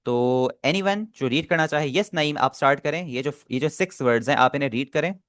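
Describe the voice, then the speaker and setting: A man with a fairly high voice teaches an online class over a video call. He explains patiently and step by step, often stopping to check that his students are keeping up. The sound is dry and close. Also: a little fast, a bit bright, no room sound.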